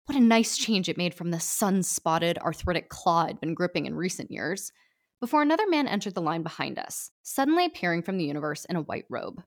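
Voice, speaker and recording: A woman narrating a short story in an expressive, playful way. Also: on the low side, brisk. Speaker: reader.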